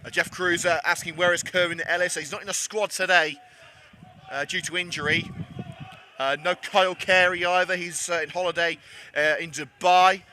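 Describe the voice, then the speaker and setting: A man's voice: high voice, steady tone, normal speed, pushed and bright, slight background noise. A man giving chatty live commentary on a club football match, slightly out of breath. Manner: chatty, self-deprecating, with frequent fillers.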